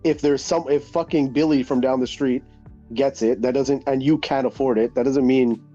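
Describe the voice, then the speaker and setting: A man's voice: medium pitch, fairly even intonation, normal speed, dark tone, soft background music. A man hosting a gaming livestream, talking bluntly with lots of swearing and laughter. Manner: blunt, profane, laughing rants. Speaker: livestream host. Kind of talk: casual gaming chat. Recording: dull lo-fi stream audio.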